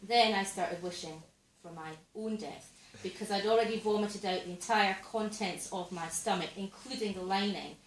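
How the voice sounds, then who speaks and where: A woman performing a dry, deadpan stand-up set on a theatre stage, recorded in an echoey room. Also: mid-range voice, moderate pace, hardly any pauses, slight background noise. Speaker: stand-up comedian and host. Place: theatre stage before a live audience. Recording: echoey theatre, mic at a distance.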